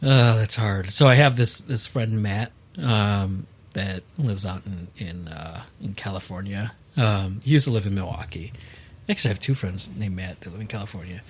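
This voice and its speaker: A young man co-hosting a casual podcast, emphatic and quick to laugh. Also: fairly low pitch, slightly rough. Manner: animated, laughs often, emphatic. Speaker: podcast co-host.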